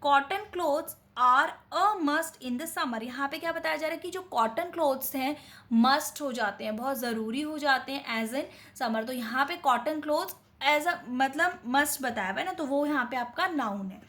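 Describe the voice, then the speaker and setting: A woman with an Indian accent teaching a grammar lesson, who reads out English examples slowly and keeps checking that her students are following. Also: high voice, a bit bright. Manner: explains slowly, reading English examples carefully, then adding quick Hindi asides; keeps checking in with "theek hai?". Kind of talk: explanatory lesson.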